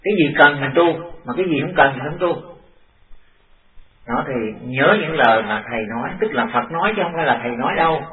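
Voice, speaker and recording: Older male monk, halting dharma talk; distant, tinny, echoey tape. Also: a little high. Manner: halting and deliberate, repeating phrases. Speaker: monk teacher.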